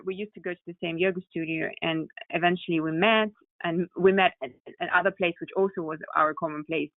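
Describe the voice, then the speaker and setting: A tech company founder with a Russian accent tells her story as a guest in a conversational podcast interview. Her voice sits on the low side with no room sound, though the recording is muffled and narrow, like a phone line.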